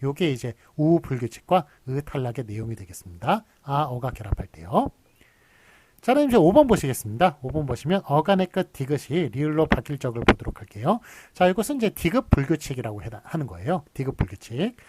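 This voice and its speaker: A man's voice: mid-range voice, very animated, a little fast, darkish tone, a little hiss or hum. A man from giving a recorded university lecture, explaining patiently with many fillers and restarts and drawing out his examples. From Seoul.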